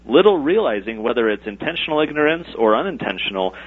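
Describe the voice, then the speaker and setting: A man's voice: mid-range voice, very animated, fast, narrow, tinny audio. Guy lecturing on talk radio, thin phone-ish sound, articulate. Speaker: author and radio guest. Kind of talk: political talk radio discussion.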